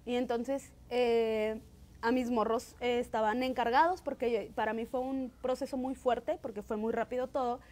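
High-voiced Mexican woman telling stories. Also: normal speed. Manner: animated storyteller who acts out quoted voices. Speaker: co-host of a live online talk show. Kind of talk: casual chat, ghost stories.

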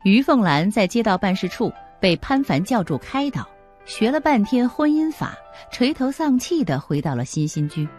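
A woman narrating an audiobook drama with steady storytelling. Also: mid-range voice, moderate pace, soft background music.

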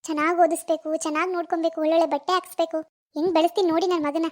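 Very high-pitched, fast-talking young mother in a cartoon, as a woman voices her. She is doting and fussy, and she chatters on about her new baby. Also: level tone. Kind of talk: animated cartoon voice acting.

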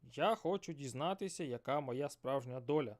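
A man's voice: mid-range voice, lively intonation, moderate pace, close to an everyday voice. A man voicing an earnest, determined young fisherman hero.

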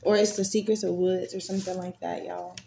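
A woman's voice: fairly low pitch, little pitch movement, brisk, gravelly, mellow. Chatty woman reading tarot, echoey room. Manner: chatty, swears freely, many fillers. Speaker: tarot reader. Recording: echoey room, faint noise.

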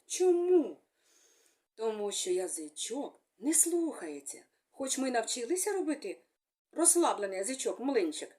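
A woman speech therapist giving a gentle, sing-song speech lesson to young children, using fond little words for them. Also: high voice.

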